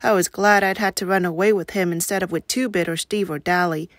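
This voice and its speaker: A woman, a teacher, reading a novel aloud in a steady, even narration. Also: lowish voice, a little fast, no echo, studio quality.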